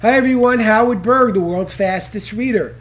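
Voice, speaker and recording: An enthusiastic male instructor with a high-pitched voice leads a group exercise. He counts out the reps and urges his listeners to speak with passion. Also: moderate pace. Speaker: speed reading instructor. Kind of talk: energetic instructional talk leading an exercise.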